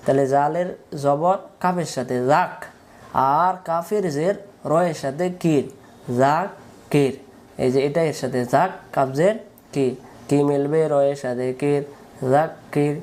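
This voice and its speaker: A man's voice: fairly high pitch, unhurried, a little mellow. A man teaching Quran reading in a patient, repetitive syllable-by-syllable spelling drill. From Bangladesh.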